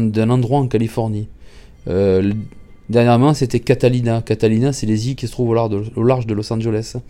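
Male vlogger, very dark and mellow tone, casual halting travel recap. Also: mid-range voice. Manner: halting, many restarts and repeated words.

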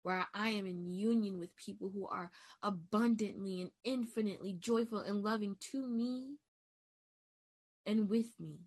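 A woman in her twenties gives a reflective personal monologue in a preacher-like style. She makes emphatic declarations with call-and-response asides, then drops to soft, hushed affirmations. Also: medium pitch, normal speed. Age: 20s. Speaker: podcast host.

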